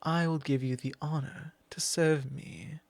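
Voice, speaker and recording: In a dry recording, a man's gravelly, slightly high voice holds a steady tone as he plays a mocking, arrogant immortal vampire for ASMR. He drawls a little slowly, talks down possessively, and occasionally leans in to whisper near the mic.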